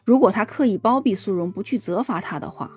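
A woman voicing a calm, calculating young woman planning gossip stories. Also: medium pitch, fairly quick, slightly rough, faint music behind, close to an everyday voice. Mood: scheming.

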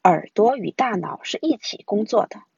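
A woman reading a children's science picture book aloud in an expressive storytelling way. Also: medium pitch, normal speed, creaky, husky, no echo, highs cut off. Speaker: storybook reader.

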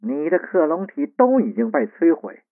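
A man's voice: on the high side, sing-song, normal speed, creaky, a little hiss or hum, pitched above the performer's own voice. A man voicing a stern male lord who gives urgent commands over a radio channel. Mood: urgent commanding. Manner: demanding, urgent. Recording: tinny radio line.

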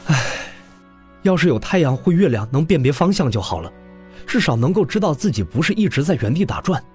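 A man's voice: on the high side, sing-song, fairly quick, soft background music. A man voicing a proud, determined young male cultivator hero in an audiobook, formal and polite in speech. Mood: sighing.

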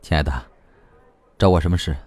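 A man reading a novel aloud, voicing a tired man who talks low and sighs through teasing endearments. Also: steady tone, a little fast, darkish tone, no room sound, close to an everyday voice. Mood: weary teasing.

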